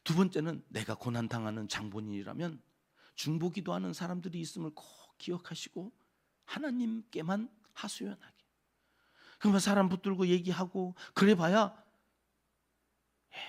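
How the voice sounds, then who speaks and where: A man's voice: high voice, creaky. A male pastor giving a conversational early-morning sermon, often asking the congregation questions and answering them himself.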